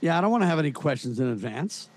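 A man's voice: on the high side, sing-song, very fast. A man appearing as a guest on a political talk show, talking bluntly and cracking jokes. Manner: blunt, wisecracking. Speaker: guest host of another show.

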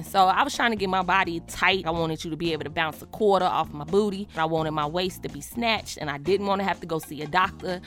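A woman's voice: fairly low pitch, a bit bright. Sassy slang-talking woman telling a story. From Chicago. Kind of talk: casual personal storytelling.

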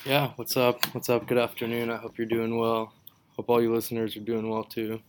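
A young Israeli man whose first language is Hebrew chats casually as a podcast guest, rambling with plenty of fillers and restarts. His medium-pitched voice is monotone, brisk and clean.

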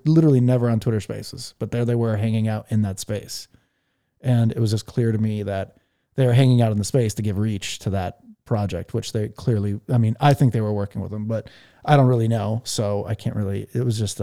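A man's voice: mid-range voice, gravelly, mellow. A man hosting a podcast, telling stories in rambling casual chat full of fillers. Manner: rambling, filler-heavy storytelling. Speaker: podcast host. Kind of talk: casual chat on a live audio room.

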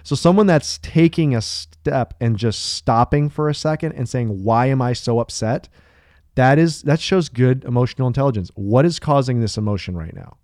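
A man's voice: medium pitch, lively intonation, moderate pace, hardly any pauses, darkish tone, no room sound, studio quality. A man co-hosting a podcast, explaining ideas earnestly and thinking aloud with restarts and fillers. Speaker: podcast co-host. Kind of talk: casual podcast discussion.

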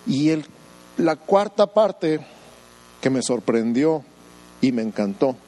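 Pastor preaching with rhetorical questions. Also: male voice, mid-range voice, expressive, slow pace, warm tone, low-quality recording. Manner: acts out voices of doubters in quoted asides. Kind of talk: sermon.

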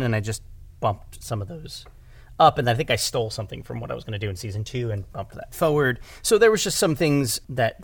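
As a podcast guest, an audio drama writer-director talks informally about his work in a lowish voice with no echo. He tends to repeat words and fix his phrasing as he goes.

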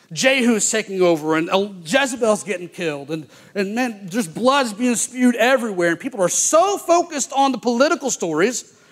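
A man preaching a sermon, telling Bible stories in a folksy, animated way with playful asides. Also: sits high. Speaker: pastor.

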